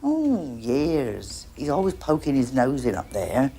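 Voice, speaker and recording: An actress playing a blunt local cleaner, scornful and gossipy. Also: female voice, a bass voice, wildly swooping pitch, a little slow, warm tone, slightly rough, faint music behind, exaggerated voice. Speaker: office cleaner.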